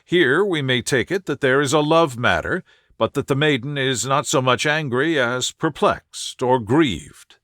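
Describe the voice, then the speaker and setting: A man voicing a calm, shrewd, self-assured detective in an audiobook story, speaking in a precise, explanatory way. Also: mid-range voice, a little slow, dry recording, studio quality, natural voice. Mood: analytical.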